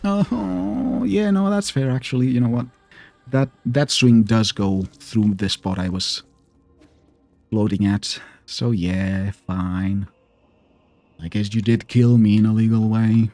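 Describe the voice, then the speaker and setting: A man's voice: fairly low pitch, little pitch movement, slow pace, darkish tone, no room sound, soft background music. A man casually commenting on his own gameplay, talking to himself and grumbling at the boss he is fighting. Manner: chatty, mutters to himself, argues with the boss. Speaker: gameplay streamer. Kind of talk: casual let's play commentary.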